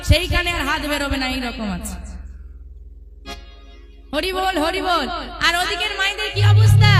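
A woman kirtan singer leading a large crowd, teasing and coaxing them between sung chants. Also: very high voice. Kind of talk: devotional kirtan with crowd talk. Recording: loud tabla and instruments behind.

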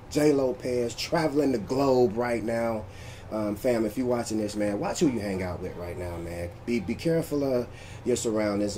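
A man's voice: mid-range voice, dark tone, slight background noise. A man hosting a casual commentary vlog, joking loosely and reading posts aloud. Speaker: vlog host recapping battle rap drama.

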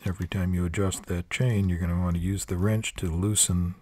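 A man's voice: low voice, fairly even intonation, brisk, a little mellow, a little hiss or hum. An older man giving a hands-on tool review in a plain-spoken, practical way with dry asides. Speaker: product reviewer. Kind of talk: hands-on product review narration. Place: workshop table.

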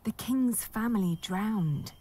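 A woman's voice: mid-range voice, takes it slowly, warm tone, slightly rough. An actress voicing a curious young son who asks his mother questions about the past. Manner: inquisitive questions.

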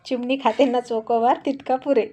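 A woman's voice: a little high, steady tone, moderate pace, warm tone, natural voice. A woman voicing a playful, affectionate young wife in a told love story. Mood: cheeky. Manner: cheeky, coaxing.

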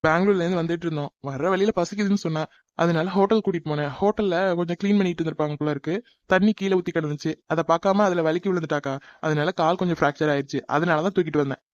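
Man playing a flustered young cartoon guy, high voice, rushed explaining, muffled dry sound. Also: steady tone, dry recording, natural voice. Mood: defensive. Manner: defensive, explaining hurriedly. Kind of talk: animated cartoon dub.

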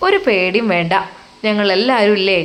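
Woman doing male cleric, kindly, coaxing, reassuring, gently teasing, mid pitch, storybook role. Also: moderate pace, lightly acted. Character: kindly older male religious teacher, comforting friend.

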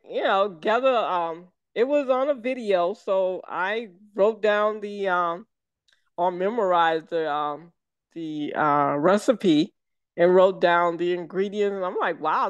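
Slow, smooth-voiced older woman from the South. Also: medium pitch, dry recording. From American South. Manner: slow, meandering, many fillers and restarts. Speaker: guest, syrup maker. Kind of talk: casual interview over video call. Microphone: video call.

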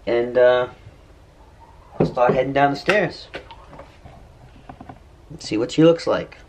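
A man's voice: medium pitch, takes it slowly. Middle-aged man, casual DIY vlog talk, easygoing and jokey, camera mic in a house, faint hiss. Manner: easygoing, joking, chatty. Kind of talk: casual home-project vlog. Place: staircase in a home, indoors.

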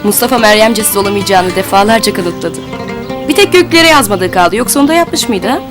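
An actress playing a woman who soothes and begs someone to calm down. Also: mid-range voice, fast, music in the background, close to an everyday voice. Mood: reassuring. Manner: soothing, then desperately pleading.

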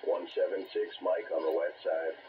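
A man's voice: low voice, little pitch movement, moderate pace. A man calling in over CB radio, giving his call sign in clipped radio talk. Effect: heard over CB radio. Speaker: CB radio caller. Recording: muffled CB radio with static.

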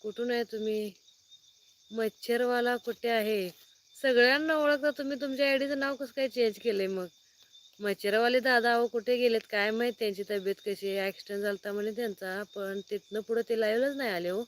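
A woman farmer from Sangli district in Maharashtra sits under a light outdoors at night, chatting on a phone live stream. Her voice is a little high and steady in tone, and she speaks briskly as she reads out viewers' names and greets each one. There is slight background noise.

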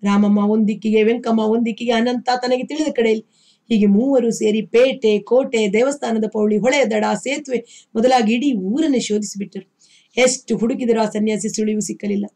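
A woman reading a novel aloud in steady, expressive narration. Her voice sits somewhat high for a woman, and the reading keeps an even storytelling flow. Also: moderate pace. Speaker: audiobook narrator. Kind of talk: scripted literary narration.

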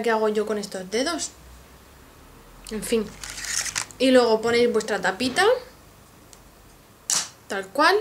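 A woman's voice: on the high side, a little hiss or hum. Gushing Spanish-accented beauty vlogger woman. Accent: Spain Spanish. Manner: gushing, excitable, addresses viewers directly. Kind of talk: casual makeup haul video.

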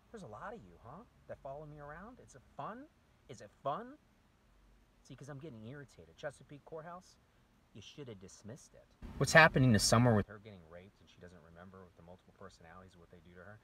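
A man in an angry monologue to camera, ranting and accusing, his voice swinging between shouting and low muttering, often swearing. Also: a little hiss or hum. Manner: profane, accusatory.

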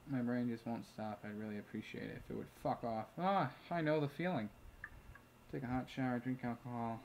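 A man's voice: mid-range voice, fairly even intonation, brisk, vocal fry, slight background noise, low-quality recording. A man casually commentating a chat game, reading messages aloud, muttering asides and swearing freely. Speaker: let's play host. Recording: loud keyboard typing behind. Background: keyboard clicks and typing.

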